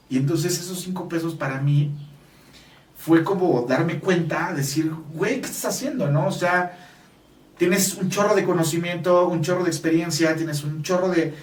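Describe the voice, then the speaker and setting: A man's voice: on the high side, reverberant, recorded from a distance. A man with a Mexican Spanish accent, a business coach telling a personal story in an interview, earnest and emphatic, speaking straight to the listener.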